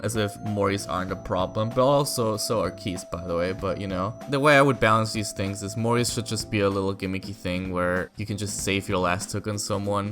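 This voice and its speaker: A man with a just-woke-up morning voice giving a casual, blunt, opinionated gaming rant. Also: low-pitched. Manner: blunt, mildly swearing. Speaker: gaming video creator. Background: guitar music.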